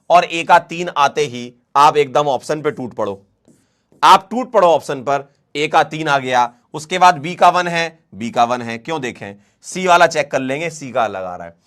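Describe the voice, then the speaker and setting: A man teaching a chemistry class, working through exam questions in a lively, playful way and coaxing students along. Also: a little high. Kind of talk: online class lecture.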